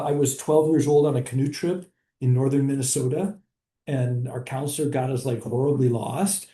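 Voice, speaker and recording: A man's voice: medium pitch, mellow. A male professor in a classroom, casually telling a story with many fillers. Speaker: history professor. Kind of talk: classroom discussion. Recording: echoey classroom.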